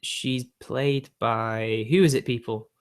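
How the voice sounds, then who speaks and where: A British YouTube host in his twenties, young-sounding, speaks slowly in a mid-range voice with fairly even intonation. He chats casually with viewers but slips into exasperated rants packed with fillers.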